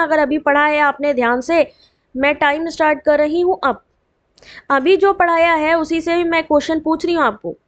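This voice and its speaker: A woman teaching an exam revision lesson online, reading out full forms slowly with quick chatty asides to her students and a dry throat. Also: sits high, highs cut off.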